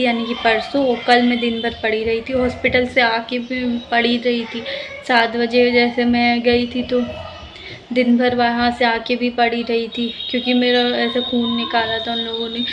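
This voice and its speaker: A woman's voice: fairly high pitch, completely flat delivery, moderate pace, slight background noise. Chatty young woman, tired, lying down. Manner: rambling, chatty, many fillers and restarts. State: pregnant, tired, talking lying down. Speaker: vlogger. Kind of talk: casual vlog chat. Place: at home, lying down.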